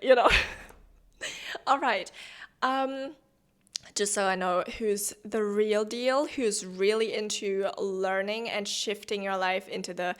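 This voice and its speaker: A woman hosting her own channel as a spiritual coach, talking to camera in a chatty, rambling and earnest way, full of fillers. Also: medium pitch. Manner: earnest and heartfelt. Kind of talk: casual direct-to-camera vlog.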